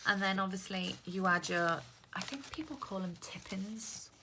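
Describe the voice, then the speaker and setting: Chatty and rambling, a Welsh woman works through a crafting tutorial while shuffling papers on her desk. Her medium-pitched voice is expressive at a normal speed, with paper rustling and crinkling close to the microphone.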